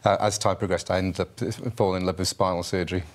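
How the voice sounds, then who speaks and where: Fast-talking low-voiced Welsh man. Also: level tone. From Wales. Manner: quick, with frequent repeated words and restarts. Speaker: orthopaedic spinal consultant. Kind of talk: studio interview guest. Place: TV studio. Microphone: lapel.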